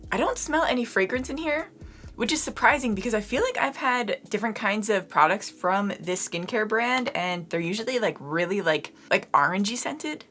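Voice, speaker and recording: A young woman giving a casual beauty product review. She is slightly hoarse and talks to her viewers in a chatty way, often using "like" as a filler. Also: mid-range voice, animated, normal speed, a bit bright, soft background music. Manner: chatty, addresses viewers as "you guys", frequent "like" fillers. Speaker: beauty vlogger.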